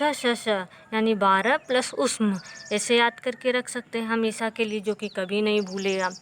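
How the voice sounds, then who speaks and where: Slow, patient woman teaching grammar. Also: on the high side, a bit bright, slight background noise. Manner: slow and patient, repeating key terms and drilling letters aloud. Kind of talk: Hindi grammar lesson for exam students.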